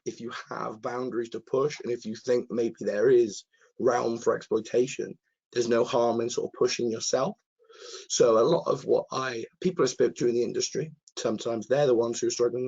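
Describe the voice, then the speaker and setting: A man with a hoarse, croaky voice answers questions as an earnest, enthusiastic presenter in a live webinar. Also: medium pitch, a little mellow, lo-fi sound. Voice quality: croaky, husky. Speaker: presenter, cyber security content author.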